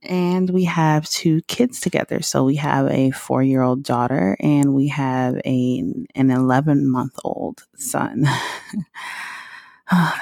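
Low, gravelly, and somewhat dark, this woman's voice comes through clean studio audio with no room echo. She's a podcast host in her 30s from the Southern United States, chatting candidly, laughing a lot, and rambling freely through a casual monologue.

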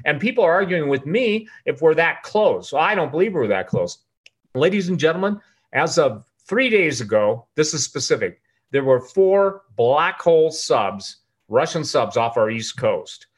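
A man's voice: fairly high pitch, big pitch swings, normal speed, husky. An older man giving an impassioned, alarmist interview monologue in an emphatic, conspiratorial rant. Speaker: talk show guest, preparedness author.

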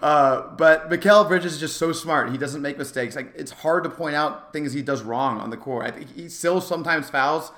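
This podcast co-host has a fairly high, fairly bright male voice. On the casual sports show he is enthusiastic and emphatic, laughing readily.

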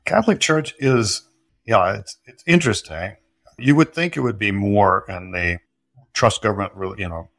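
A man guest on a talk podcast, explaining history in a thoughtful, unhurried way with some hesitations and dry humor. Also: lowish voice, fairly bright tone, no room sound. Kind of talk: conversational interview answers.

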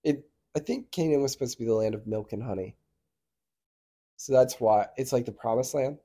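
Mellow-voiced man in casual podcast chat. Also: mid-range voice, fairly quick. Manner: hesitant, laughs often, trails off. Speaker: podcast co-host.

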